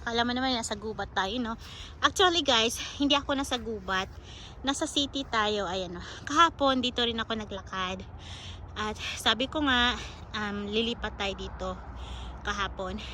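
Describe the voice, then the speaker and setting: A woman's voice: a little high, normal speed, sharp tone, slight background noise. A woman vlogging casually to her viewers as she walks a park trail outdoors, recorded on a handheld phone. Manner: chatty, coaxing, sing-song baby talk to a squirrel. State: out of breath on an uphill stretch. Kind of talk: casual walking vlog, talking to viewers. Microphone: handheld phone camera.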